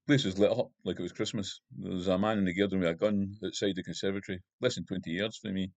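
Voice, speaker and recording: A man with a low, deep voice reads his own first-person crime novel aloud. He narrates at a steady, measured pace. The sound is dry and close, with no room echo. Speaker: author reading his novel.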